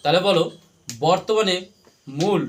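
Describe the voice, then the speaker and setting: A man's voice: sits high, a little slow, a little hiss or hum. A man teaching a classroom, drilling his students with repeated questions and having them chant the answers back. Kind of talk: classroom lesson with call-and-response.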